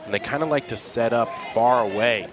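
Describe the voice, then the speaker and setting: A man's voice: mid-range voice, a little fast, heavy background noise. A man doing colour commentary at a live outdoor match, analysing tactics and player backgrounds. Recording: loud crowd behind.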